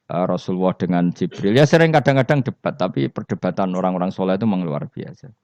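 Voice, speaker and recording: A man's voice: deep voice, quick pace, dry recording. A man with a Javanese accent giving a sermon, telling stories and putting questions to the audience. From Indonesia. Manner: lively storyteller, mixing Javanese and Indonesian, asking the audience questions. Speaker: Islamic preacher. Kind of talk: sermon storytelling. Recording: dull, muffled dry recording.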